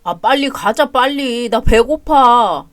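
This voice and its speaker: A selfish young husband brushes everything off in a whiny, dismissive drawl, as a woman puts him on. The voice sits lower than the reader's usual tone but stays fairly light. The recording is close and dry, with no room sound. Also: expressive, slow pace, dry recording. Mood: impatient. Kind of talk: audio drama story reading.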